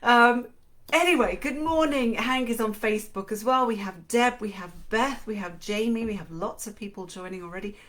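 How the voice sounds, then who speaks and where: A middle-aged Englishwoman from England and Switzerland co-hosts a live-streamed book show, chatting in a self-deprecating way and laughing often. Her voice sits fairly high, a bit bright, at a normal speed.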